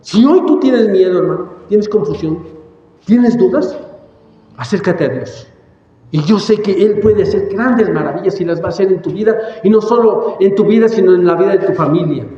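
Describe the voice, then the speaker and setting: Male pastor, high-pitched, emphatic sermon, heavy echo, dull lo-fi sound. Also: animated, normal speed, dark tone. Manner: emphatic preaching, repeats words, coughs and apologizes. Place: church hall. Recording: echoey church hall, dull sound.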